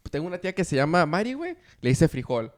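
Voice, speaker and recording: Fast, slightly high-voiced young man joking. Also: big pitch swings, a crowd in the background. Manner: mixes Spanish slang into English, joking. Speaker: podcast co-host. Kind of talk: casual chat.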